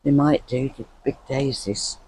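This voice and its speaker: A man's voice: medium pitch, fairly even intonation, unhurried, darkish tone, a little hiss or hum, low-quality recording. A man chatting casually as a gardening vlogger, rambling and repeating words for emphasis.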